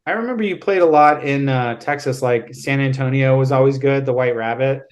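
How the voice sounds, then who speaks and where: A man hosting a casual podcast interview, chatty and relaxed, chiming in with short reactions and questions. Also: mid-range voice, a little fast. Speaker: podcast host, label owner.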